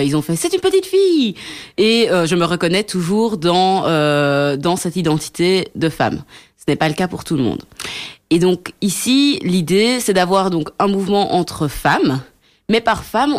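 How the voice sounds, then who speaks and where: Earnest woman explaining, lower voice. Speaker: activist guest. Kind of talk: radio interview. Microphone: headset.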